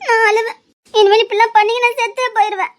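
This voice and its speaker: Very high, quick, sobbing pleas from a weepy, jealous young lover. She keeps talking through tears in TV serial melodrama. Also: fairly bright tone. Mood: tearful pleading. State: crying. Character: young woman, jealous, clingy, weepy in love. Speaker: lovesick cousin in a TV serial.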